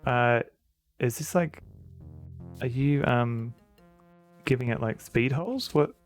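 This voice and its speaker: A man's voice: medium pitch, takes it slowly, faint music behind. A man chatting casually on a live stream as he plays a retro adventure game, rambling in an easygoing way.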